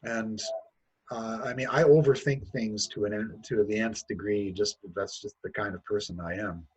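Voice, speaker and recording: A man's voice: on the low side, steady tone, normal speed, husky, low-quality recording. A Canadian man giving an interview, talking candidly with many halts and restarts. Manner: hesitant, restarts often, self-deprecating. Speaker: interview guest.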